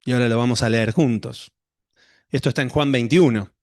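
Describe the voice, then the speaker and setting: A man's voice: mid-range voice, a little fast, darkish tone, dry recording, clean studio sound. A middle-aged male pastor, telling a personal story to his congregation in a conversational sermon.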